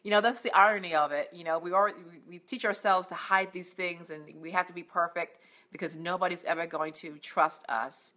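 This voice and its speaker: Earnest woman with a deep, bright voice. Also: fairly even intonation, a little fast, few pauses. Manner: earnest, encouraging, many fillers and restarts. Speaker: life coach. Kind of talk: faith-based motivational vlog. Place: indoors at home, on a couch.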